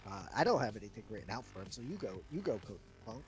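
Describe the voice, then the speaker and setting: On a live stream, a man runs a wrestling booking game, chatting off the cuff and thinking aloud. His voice is lowish, very animated, and racing, with chillhop video game music playing underneath.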